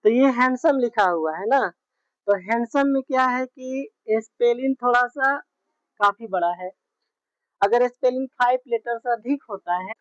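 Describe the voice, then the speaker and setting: A woman teaching English grammar slowly, spelling words out and checking in often with her students. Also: fairly high pitch, no echo. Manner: slow, repetitive, spells words out letter by letter with frequent check-ins. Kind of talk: classroom grammar lesson. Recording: dull, muffled lo-fi sound.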